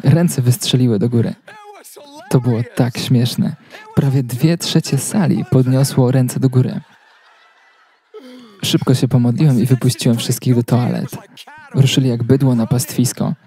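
A man reading a translated sermon as a voice-over, telling it as a steady story. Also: mid-range voice, a little slow, pauses often.

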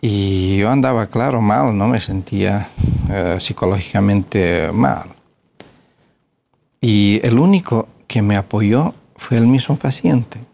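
Low gravelly-voiced middle-aged man recounting. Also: lively intonation, slow, a little mellow. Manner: hesitant, with filler sounds, retelling dialogue. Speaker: plastic surgeon, interview guest. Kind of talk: storytelling anecdote in an interview.

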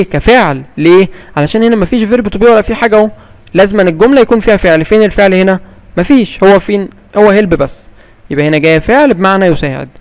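A man with an Egyptian Arabic accent explaining English grammar like a classroom teacher. He asks questions and answers them himself, and he reads the English examples slowly and carefully. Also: sits high, long reverb tail.

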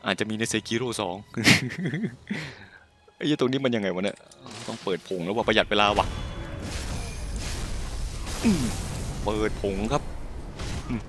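A young man giving casual let's-play commentary, profane and excitable, swearing constantly while he plays. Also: lowish voice. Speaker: gaming YouTuber.

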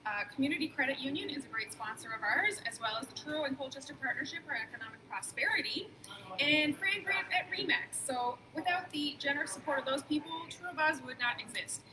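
A woman's voice: high voice, animated, fast. A young woman hosting a live local show, upbeat and conversational as she plugs sponsors and asks questions. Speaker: host. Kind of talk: live interview and sponsor plug. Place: large indoor market hall. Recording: noisy market hall.

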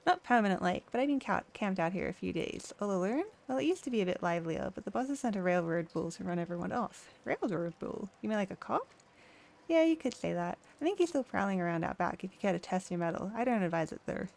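A woman's voice: mid-range voice, animated, fast talker, creaky, a little mellow. A woman voicing a cheerful, easygoing drifter man with a folksy drawl.

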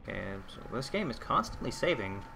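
A let's play commentator with a sing-song, mid-range voice and vocal fry talks fairly quickly in a sharp tone, with a little hiss or hum on the track. Exasperated, he swears at the enemies and talks to them as he fights, over game music and sound effects.

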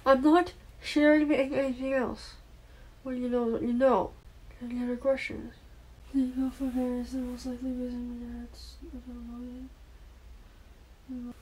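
Woman, higher-pitched voice, sleep talking: drowsy, disjointed mumbling with unfinished phrases. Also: little pitch movement, moderate pace, long pauses, darkish tone, poor audio.

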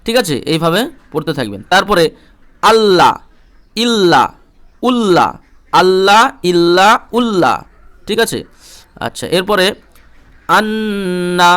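A male Quran reading teacher who patiently spells out Arabic syllables and repeats each drill in a slow recitation lesson. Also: sits high, animated, fairly bright tone. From India.

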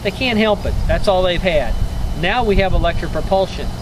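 A man's voice: sits high, normal speed. A man in his forties talking to the camera at a marina, hesitant and restarting his phrases. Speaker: sailing club representative. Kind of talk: introducing a topic to camera. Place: outdoors on a marina dock. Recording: loud wind and boat noise outdoors.

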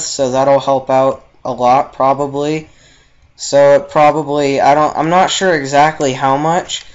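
A man's voice: mid-range voice, lo-fi sound. A young man giving casual, rambling commentary over his own gameplay, with lots of ums. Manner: relaxed and rambling, many ums. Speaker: game channel host.

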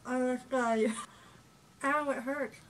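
A woman's voice: high-pitched, fairly even intonation, slow pace, a little hiss or hum, low-quality recording. A woman in her twenties chatting casually as co-host of a home challenge video, recorded by a camera across a table. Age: 20s. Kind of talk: casual chat. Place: small home room, indoors.

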